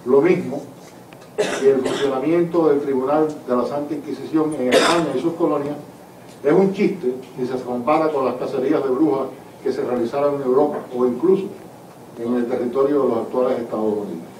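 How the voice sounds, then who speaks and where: A man's voice: medium pitch, fairly quick, a little mellow. A man from Cuba, an author and historian, answering audience questions at a book presentation in an earnest, emphatic way. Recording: echoey hall from far off, faint noise.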